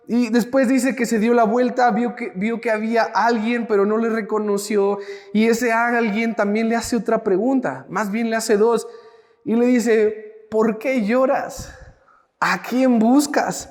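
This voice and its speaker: A man's voice: very high-pitched, level tone, moderate pace, long reverb tail. A man giving a reflective devotional talk, speaking straight to the listener with questions. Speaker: preacher.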